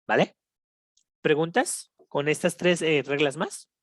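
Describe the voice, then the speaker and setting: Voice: medium pitch, no echo. Patient Mexican teacher, dry close sound. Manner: patient, repeats each example, checks in with students; switches between Spanish and slow English examples. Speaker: English teacher. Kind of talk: recorded online grammar lesson.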